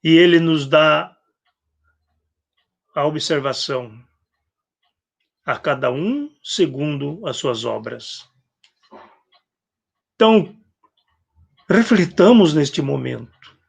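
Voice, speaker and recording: A man with a Brazilian Portuguese accent giving a reflective spiritist sermon, acting out gospel quotes and clearing his throat often. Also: on the high side, expressive, takes it slowly, pauses often. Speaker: spiritist speaker. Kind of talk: spiritist sermon on a live stream.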